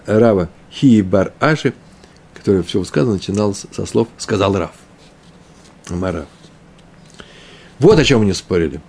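With a warm tone and medium pitch, this man explains a Talmud text aloud as he teaches. He frequently goes back over points and takes Hebrew terms more slowly.

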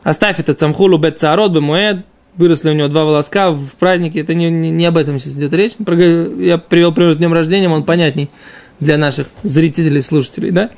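A man's voice: a little high, fairly even intonation, fast talker. A man giving an informal religious text lesson as a teacher, explaining by asking and answering his own questions. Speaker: Talmud teacher.

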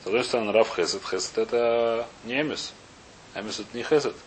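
Male teacher for an informal text lesson, reads then explains, gropes for words, poses questions; slightly noisy, hissy recording. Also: lowish voice. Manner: halting, searching for words, questioning himself. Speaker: teacher of a Talmud class. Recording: clear background hiss and noise.

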